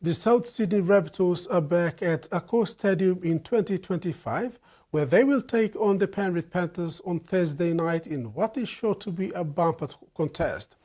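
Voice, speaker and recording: Husky, higher-voiced male newsreader. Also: expressive, normal speed, mellow. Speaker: news presenter. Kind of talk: scripted news reading.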